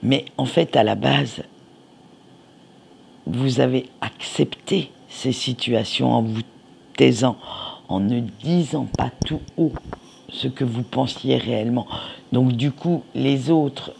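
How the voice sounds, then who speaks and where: A man's voice: mid-range voice, takes it slowly, creaky, pauses often, darkish tone, slight background noise. A man doing a casual tarot reading, chatting informally with viewers and addressing them in asides. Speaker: tarot card reader.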